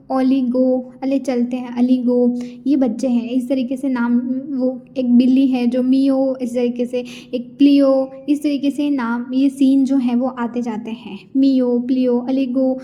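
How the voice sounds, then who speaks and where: High-voiced woman teaching with mnemonic tricks. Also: highs cut off. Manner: repeats terms and checks in with "ठीक है". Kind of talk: mnemonic-based exam lesson.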